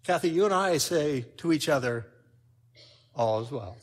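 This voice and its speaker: An older man preaching a sermon, telling a personal story with lively swings in loudness. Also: on the high side, normal speed.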